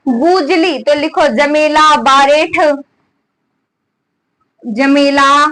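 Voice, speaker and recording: High-pitched, slow-dictating woman teacher. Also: fairly bright tone, low-quality recording. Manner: repeats items for students to write down; asks students questions and answers them herself. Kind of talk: classroom lesson dictating notes.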